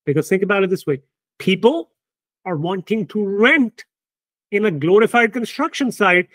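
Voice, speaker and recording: A man, the company's founder, talking through business results in an emphatic, animated way, often checking in with "right?". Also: sits high, dry recording. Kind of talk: casual business discussion.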